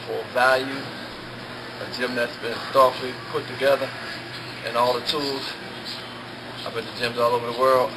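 Measured middle-aged man, gym testimonial. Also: medium pitch, flat delivery, background noise. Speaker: gym member.

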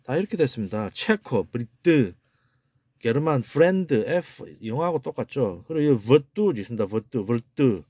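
A man's voice: medium pitch, big pitch swings, normal speed, mellow, breathy edge, no room sound, studio quality. A man giving a casual video lecture on word origins, talking emphatically, repeating words and asking rhetorical questions. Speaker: amateur language lecturer.

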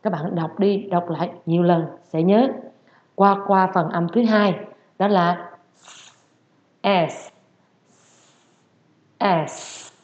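A woman's voice: on the low side, fairly even intonation, a little slow, a little mellow. A woman who speaks Vietnamese as her first language, teaching English pronunciation and repeating each sound and word several times. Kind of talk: pronunciation lesson with drills. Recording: roomy, dull lo-fi sound.

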